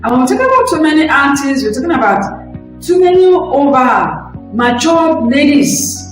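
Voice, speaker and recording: A woman hosting a talk show, presenting with an emphatic, drawn-out delivery. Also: sits high, sing-song, heavy reverb, recorded from a distance, soft background music, poor audio. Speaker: host.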